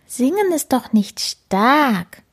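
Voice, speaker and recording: A woman voicing a small, anxious young tomcat kitten in a children's storybook, with a high, plaintive voice that often calls out. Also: very animated, slow, heavily acted. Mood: eager.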